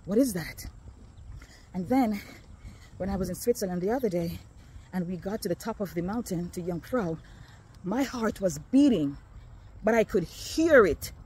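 A woman's voice: mid-range voice, expressive, normal speed, long pauses, a little mellow, slightly rough. Chatty woman walking outdoors. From Jamaica. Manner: chatty, talking to viewers while walking. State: slightly out of breath. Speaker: vlogger. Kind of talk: casual walking vlog. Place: outdoors on a neighborhood street.

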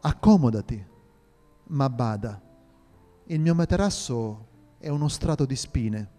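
Man doing a low gentle saint, soft and solemn, slow, roomy hall. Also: animated, close to an everyday voice. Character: humble gentle saint, devout and serene. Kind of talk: audio drama reading. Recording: reverberant hall with faint music.

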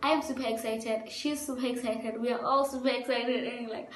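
Excited woman in an echoey room. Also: a little high, fairly quick. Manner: excited, chatty. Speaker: guest on vlog. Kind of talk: casual vlog chat. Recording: roomy echo with music.

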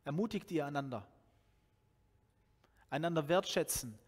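A man's voice: on the high side, unhurried, breathy edge. A Swabian man in his forties preaches with a slightly raised voice, talking to the congregation as if in conversation and restarting phrases as he goes. His headset mic picks up a long, lingering reverb from the church hall around him. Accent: Swabian German. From Swabia, Germany. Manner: conversational, animated, with many restarts and fillers. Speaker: pastor. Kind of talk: sermon.

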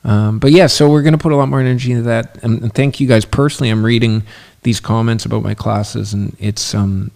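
A man in his thirties co-hosting a home podcast, talking in a relaxed, halting way with many ums into a studio mic. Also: medium pitch, creaky. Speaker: podcast co-host. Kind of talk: casual chat. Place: living room at home. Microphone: studio mic on boom arm, headphones.

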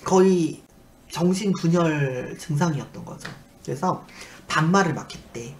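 A man's voice: a little high, measured pace. A young man from South Korea, a YouTuber, tells a personal story casually and acts out the voices of the people in it. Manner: animated, acts out quoted voices. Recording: echoey room with faint noise.

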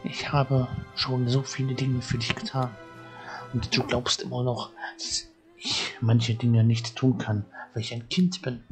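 A man's voice: medium pitch, flat delivery, unhurried, faint music behind, lightly acted. A man reading a stubborn, cheeky young girl's lines aloud from a game. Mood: indignant. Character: stubborn young island girl, bold and cheeky.

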